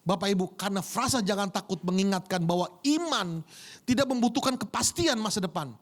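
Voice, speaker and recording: A male preacher with a strikingly high voice delivers a sermon in a chatty, lively manner. He jokes and keeps turning to the congregation with rhetorical questions, speaking to them directly. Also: a little fast. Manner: repeatedly addresses the congregation directly.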